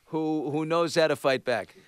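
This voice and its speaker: A man in his late thirties hosting a casual interview, asking quick, teasing questions. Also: a little high, smooth, no echo. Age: 30s. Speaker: radio show host.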